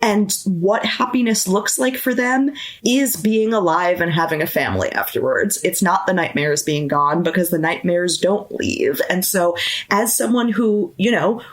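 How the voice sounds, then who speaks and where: A woman's voice: fairly low pitch, measured pace. Earnest woman podcaster. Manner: earnest, stammers when moved. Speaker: podcast co-host. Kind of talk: casual book discussion.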